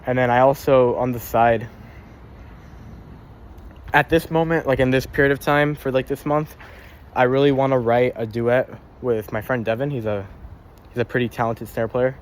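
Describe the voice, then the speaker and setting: A man's voice: medium pitch, fairly even intonation, normal speed, long pauses, a little hiss or hum. Rambling young man trips over his words. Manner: rambling, swears casually, often repeats and trips over words. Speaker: vlogger keeping a spoken journal. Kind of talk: casual spoken journal.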